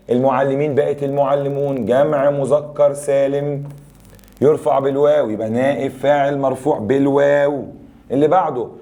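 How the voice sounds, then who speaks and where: A young adult man with an Egyptian accent teaching a grammar review lesson, explaining rules and firing quick questions at students. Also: mid-range voice, dark tone. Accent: Egyptian Arabic.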